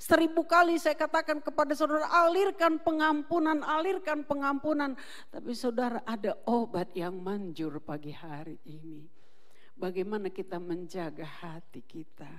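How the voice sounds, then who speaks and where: A woman preaching a sermon and giving an impassioned personal testimony that builds to shouting. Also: lowish voice, normal speed, in a large hall. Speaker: pastor's wife, preacher. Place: church hall.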